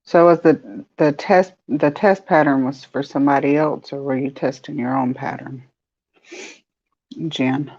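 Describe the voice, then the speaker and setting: A woman with a Southern US accent chats with viewers on her crochet live stream and laughs often. Her voice is husky and a little breathy. It comes through dull, lo-fi live-stream audio. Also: very deep voice, steady tone, unhurried, a little mellow. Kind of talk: casual chat reading viewer comments.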